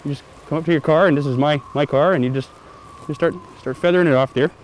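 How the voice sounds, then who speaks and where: Parody field correspondent, male actor: awkward, repetitive rambling, quick bursts, faint vehicle noise. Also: on the high side, lightly acted. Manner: halting, repetitive, flat-footed. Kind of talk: parody live field report.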